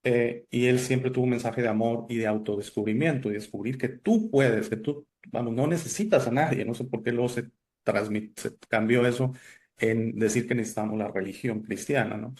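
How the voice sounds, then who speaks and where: Man from italy, host, chatty, lots of fillers, mid pitch. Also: normal speed, darkish tone. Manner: chatty, many fillers and restarts. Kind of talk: casual interview chat.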